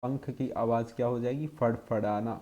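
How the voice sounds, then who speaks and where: Male tutor, mellow and dark in tone, mid pitch, quizzes himself aloud for exam drills. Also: steady tone, a little slow, dull audio. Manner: drills by asking and answering his own questions. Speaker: teacher. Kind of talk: exam-prep lesson.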